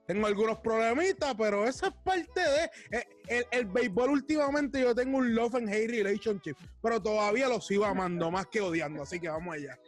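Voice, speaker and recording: A man's voice: sits high, a little fast, few pauses, faint music behind. A man with a Puerto Rican accent chatting casually about sports as a co-host, mixing English words into his Spanish in a Spanglish manner. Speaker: podcast co-host and baseball analyst.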